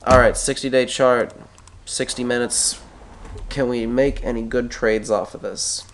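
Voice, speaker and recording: A medium-pitched man speaks in a steady tone, a little slowly, over a little hiss or hum. He's a stock market analyst with a stuffy cold who clears his throat, walking through a screen-recorded chart tutorial and thinking aloud as he draws, often correcting himself.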